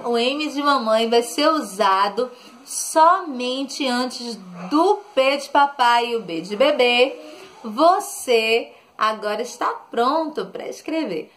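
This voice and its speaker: Woman teacher, high-ish voice, slow and coaxing with children. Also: a bit bright. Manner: patient, coaxing, full of diminutives; keeps saying look and okay to children. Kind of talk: recorded lesson for children.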